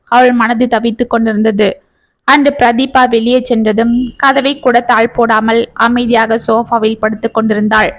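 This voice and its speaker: A woman reading a family drama aloud as a storyteller, measured and emotive. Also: fairly high pitch. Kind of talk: scripted story narration.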